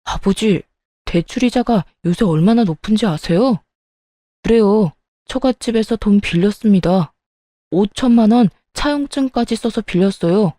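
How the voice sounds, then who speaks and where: Worried husband voiced by a woman, earnest and pleading, slightly lower than her narration, mellow and dry. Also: moderate pace, no room sound, natural voice. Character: worried young husband, man.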